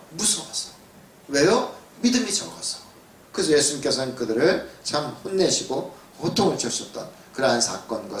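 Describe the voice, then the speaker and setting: A man's voice: medium pitch, slight background noise. A man preaching as a church pastor, talking casually with the congregation, asking rhetorical questions and acting out what people say. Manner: conversational preaching with rhetorical questions and acted-out quotes. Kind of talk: sermon. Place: church sanctuary. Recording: roomy sound from a distance.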